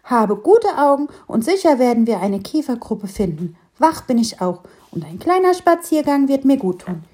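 Casting: woman doing a cheerful bold storybook squirrel, loud and keen, pitched high. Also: very animated, normal speed. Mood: eager. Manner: eager, calling out brightly. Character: lively helpful young squirrel, bold and cheerful.

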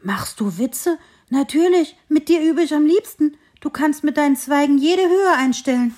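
Storybook: woman reads a sporty, cheerful young hare, lively and fairly high. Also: moderate pace, lightly acted. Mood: excited. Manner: lively and excited. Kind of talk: storybook reading.

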